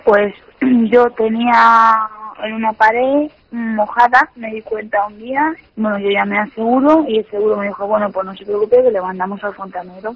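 High husky woman over a landline phone. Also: steady tone, normal speed, dry recording. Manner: insistent, complaining. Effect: heard over a landline phone. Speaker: prank call target. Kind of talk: phone conversation. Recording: muffled dry landline phone line.

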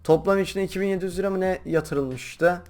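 A young man with a slightly high voice talks to his viewers while he plays, rambling from one thing to the next. He bursts into loud excited shouts now and then. Faint game music plays behind him. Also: quick pace. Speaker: gaming YouTuber. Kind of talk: casual gameplay commentary.

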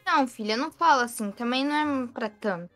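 A woman's voice: high voice, fast, pushed and bright, no room sound, soft background music. A woman voicing a tired mother of a teenage girl in a game roleplay, talking in a soothing way. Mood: weary gentle. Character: mother of a teenage girl, weary, arguing with husband.

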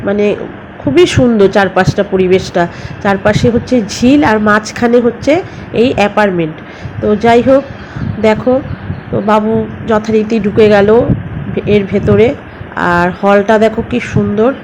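A middle-aged woman narrating her family vlog in a chatty, rambling way, often picking up again with filler words. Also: medium pitch. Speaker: family vlogger. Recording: noisy home recording with vehicle sounds.

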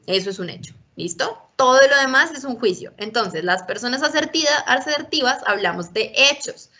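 A woman lectures parents in a workshop, her voice bright and forward. She explains step by step and keeps checking that her listeners follow. The recording is dull and lo-fi. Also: sits high, expressive, moderate pace. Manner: instructive, often checks in with listeners.

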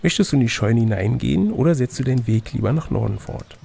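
Acting as game master, a man reads an adventure gamebook aloud and bantlers casually with his co-player. He talks fast and expressively in a medium-pitched voice that is gravelly and dark in tone, with a little hiss or hum in the recording.

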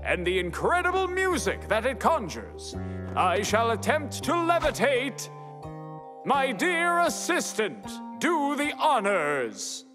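A grandiose, demanding cartoon magician. His voice is very high and swings wildly, delivered slowly with theatrical bossiness. It rings in a big hall with music underneath. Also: huge pitch swings, exaggerated voice. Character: pompous, demanding, excitable male stage magician. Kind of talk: cartoon voice acting.

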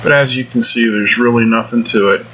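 A middle-aged man, a welding instructor and show host, gives a casual welding lesson in his home shop, plain-spoken and folksy. His mid-range voice is steady, brisk, bright and forceful in this casual instructional voice-over, recorded with dull lo-fi sound and a faint air-conditioning hum.

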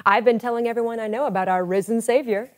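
A woman's voice: on the high side, steady tone, fast talker, natural voice. A woman playing an eager, wide-eyed follower in a comic church skit.

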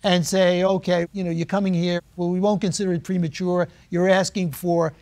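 Older male judge, measured and probing. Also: high voice, flat delivery, darkish tone. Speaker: judge on a TV court show. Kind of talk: courtroom deliberation. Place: TV courtroom studio.

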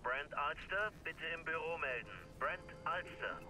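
An actor playing a man who makes a formal paging call over an office intercom loudspeaker in a game. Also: fairly high pitch, measured pace, music in the background, low-quality recording. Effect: intercom loudspeaker announcement. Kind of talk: dubbed video game dialogue.

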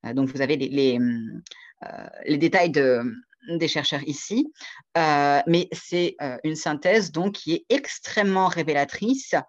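Hesitant man presenting over a video call. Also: a little high. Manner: measured, hesitant delivery with frequent pauses. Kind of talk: online conference presentation. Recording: dull lo-fi video call audio.

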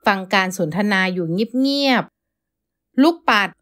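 A woman voicing a remorseful husband who pleads softly and apologetically. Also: medium pitch, lively intonation, slow pace. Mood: remorseful pleading.

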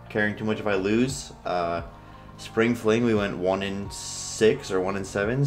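A man with a fairly low voice commentates a video game battle casually, with music playing behind him. His swollen lip makes his speech slightly off, and he talks in a halting, low-key ramble. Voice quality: slightly impeded speech from swollen lips and mouth sores. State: sore, swollen mouth. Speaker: gamer commentating an online battle.

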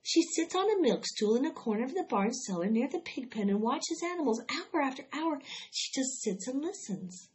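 A woman's voice: sits high, lively intonation, moderate pace, few pauses, darkish tone, voice pushed up. A woman doing a worried, chiding farm mother. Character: worried, stern but gentle farm mother. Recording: dull lo-fi recording.

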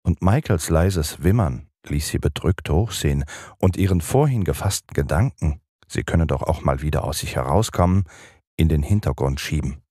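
A man narrating a children's audiobook in an expressive storytelling manner. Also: very deep voice, normal speed, breathy edge, no room sound, clean studio sound.

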